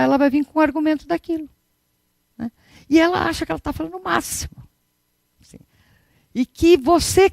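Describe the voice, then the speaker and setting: Uma mulher dando uma palestra budista em tom de conversa, cheia de perguntas retóricas e de "né?". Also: female voice, a little high, darkish tone, dry recording. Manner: chatty, rhetorical questions, frequent tag "né?". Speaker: Buddhist teacher. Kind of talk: conversational dharma talk.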